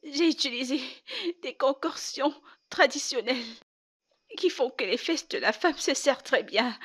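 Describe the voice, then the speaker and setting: Stubborn, unfaithful young wife in a dubbed drama; high-pitched, challenging and heated. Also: female voice, expressive, measured pace, fairly bright tone, full character voice. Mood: defiant. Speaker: wife in a marriage dispute.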